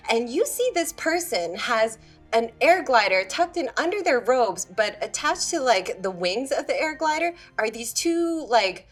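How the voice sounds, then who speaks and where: Brief: woman running a tabletop game, chatty, slightly high voice, faint music. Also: big pitch swings, measured pace. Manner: casual, filler-heavy narration. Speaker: game master.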